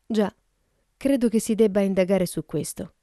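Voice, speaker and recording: A woman voicing an old male judge in an audiobook, thin, clear and measured. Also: mid-range voice, dark tone, no room sound, clean studio sound, close to an everyday voice. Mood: calm.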